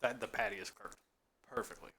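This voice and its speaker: A man's voice: fairly low pitch, fairly even intonation, brisk, bright, forceful tone, a little hiss or hum. A man hosting a live cooking stream from a home kitchen, chatting eagerly and talking with his mouth full as he eats. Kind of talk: casual chat while eating on a live stream.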